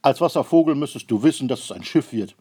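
A man voicing a gruff, distracted old ark builder in a read-aloud storybook, speaking loudly and impatiently. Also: medium pitch, animated, fast, pitched above the performer's own voice.

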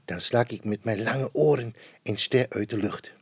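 A man's voice: mid-range voice, moderate pace, darkish tone, slightly rough, dry recording. A man reading aloud, voicing a helpful young hare with long ears in a children's storybook.

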